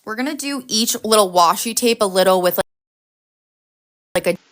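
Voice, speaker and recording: A woman's voice: mid-range voice, lively intonation, a little slow, a bit bright. A woman hosting a casual planner livestream, chatty and upbeat, reacting to viewers' comments while she decorates.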